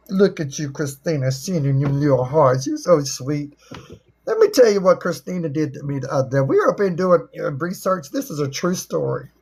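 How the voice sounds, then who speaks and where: A middle-aged woman hosts a livestream, chatting casually in a folksy way full of teasing and jokes. Her voice is husky and fairly low in pitch.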